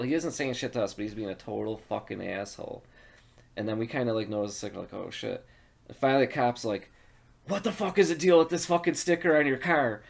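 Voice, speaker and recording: A man tells a long story in casual podcast chat. His delivery is loose and rambling, full of swearing and laughter. His pitch sits in an ordinary middle range. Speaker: podcast co-host.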